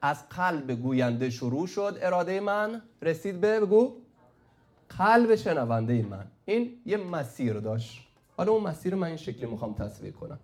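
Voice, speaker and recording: A man's voice: on the high side, sing-song. A man teaching a classroom lesson at the board, often prompting students to call out the answer. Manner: prompts the class with "say it" and quizzes them. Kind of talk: classroom lecture at a whiteboard.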